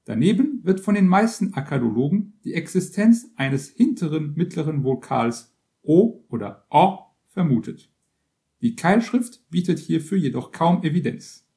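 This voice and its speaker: A man reading an encyclopedia-style text aloud as scripted narration, in a measured, list-like way. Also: fairly high pitch, warm tone. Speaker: reader.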